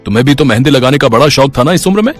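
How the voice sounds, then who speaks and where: An easygoing middle-aged father in a cartoon story, as a man acts him out, jovial and fond of teasing. His mid-pitched voice moves in an animated way, with faint music underneath. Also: rapid-fire, close to an everyday voice.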